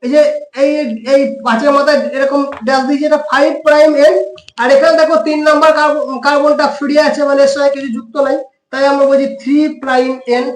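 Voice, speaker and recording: A woman's voice: sits high, flat delivery, fast, reverberant, slight background noise, rough recording. A woman teacher with a West Bengal Bengali accent who explains step by step, asking questions and answering them herself. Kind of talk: classroom science lesson.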